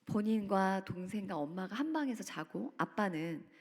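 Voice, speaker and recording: At a church family seminar held in a retreat center hall, a woman with a mid-range voice retells a story dramatically at a normal pace. Her intonation is lively, and her voice leaps suddenly as she acts out the quotes. The hall gives the recording a reverberant sound.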